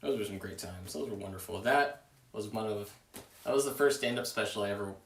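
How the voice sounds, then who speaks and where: A low-pitched man in his thirties rambles through a home livestream in a dry, self-mocking deadpan. The sound is roomy and echoey, picked up from some distance off the mic. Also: fairly quick. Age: 30s. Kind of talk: casual rambling livestream chat. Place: room at home.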